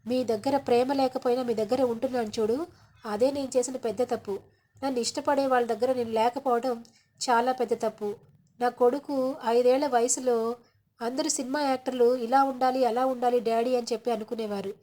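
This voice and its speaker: A woman's voice: fairly high pitch, fairly even intonation, brisk, mellow, natural voice. A woman voicing a wounded, proud middle-aged father who speaks reproachfully and raises his voice in defiance.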